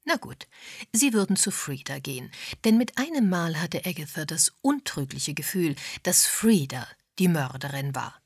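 A woman narrating an audiobook in calm, even storytelling. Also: low-pitched, normal speed, hardly any pauses, slightly rough, no room sound, clean studio sound. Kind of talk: scripted narration.

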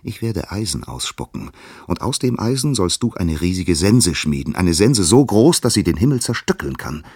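A worried mother goddess pleading for her children, put on by a man reading aloud. The voice climbs above his own, husky and animated, close and dry. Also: low-pitched, moderate pace, dry recording, voice pushed up, exaggerated voice. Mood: urging. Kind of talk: storybook narration.

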